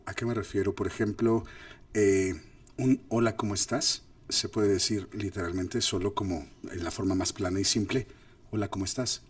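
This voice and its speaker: Guy teaching acting, chatty and animated, mic a bit far off, dry sound. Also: on the low side, no echo. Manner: animated, demonstrates lines with exaggerated voices. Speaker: host and filmmaker teaching acting. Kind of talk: casual masterclass talk.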